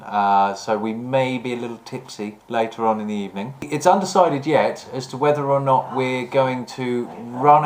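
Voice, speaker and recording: A man's voice: mid-range voice, slight background noise. A man hosting a casual, rambling, jokey chat about vintage events. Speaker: host. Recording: roomy, echoing room sound.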